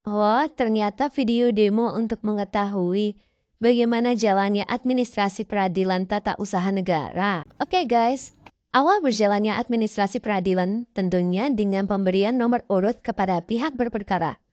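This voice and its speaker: A woman's voice: mid-range voice, moderate pace, darkish tone, dry recording. A woman narrating a scripted explainer in the manner of a presenter with casual asides. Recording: dull, dry voice-over.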